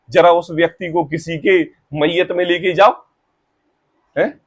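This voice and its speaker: A man with a fairly high voice teaches scripture in a religious discourse, reading passages slowly and then paraphrasing them. He explains them with rhetorical questions and everyday examples, and the recording is dry.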